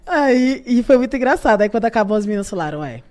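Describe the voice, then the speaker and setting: A Brazilian woman with a Brazilian Portuguese accent, a podcast guest telling animated stories full of laughter. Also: on the high side, quick pace. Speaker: guest, youth party leader. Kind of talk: casual storytelling interview.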